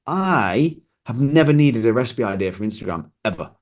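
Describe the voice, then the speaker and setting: A man's voice: on the low side, expressive, quick pace, a little mellow. A man, a fitness coach co-hosting a casual podcast, ranting sarcastically. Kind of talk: casual chat.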